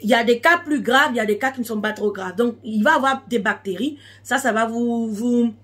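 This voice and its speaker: Non-native woman doing casual beauty tips, bit raspy, voice on the higher side, repeats stuff for emphasis. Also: fairly quick, a bit bright. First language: not French. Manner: repetitive, emphatic explaining. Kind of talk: casual explainer chat to followers.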